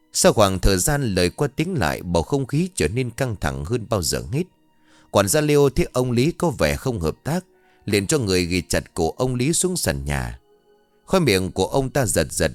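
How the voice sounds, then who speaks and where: A man narrating a ghost story in a dramatic, expressive scripted reading. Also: fairly low pitch, moderate pace, no echo, faint music behind.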